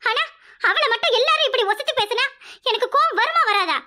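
A high-voiced performer playing a jealous, spiteful young woman who speaks in curt, cutting jabs. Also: fast, sharp tone.

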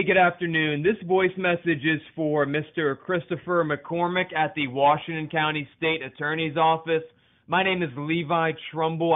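Man, reporter, voicemail over a landline phone, tinny line, higher-pitched, measured, dryly ironic. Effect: heard over a landline phone. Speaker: independent reporter. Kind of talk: leaving a formal voicemail message.

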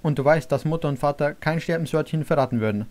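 A man's voice: on the high side, quick pace, darkish tone, close to an everyday voice. A man voicing a teasing teenage brother.

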